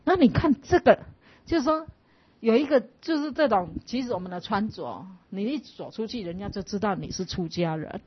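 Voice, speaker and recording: A Buddhist nun from Taiwan, telling stories in a chatty way and acting out the dialogue with lively jumps in pitch. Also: female voice, normal speed, husky. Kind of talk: casual storytelling talk. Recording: dull lo-fi recording.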